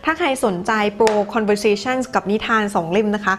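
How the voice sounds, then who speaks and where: At medium pitch and a moderate pace, a Thai-accented woman teacher goes through viewer comments in a live English lesson, chatting, laughing, and switching between two languages. There's slight background noise.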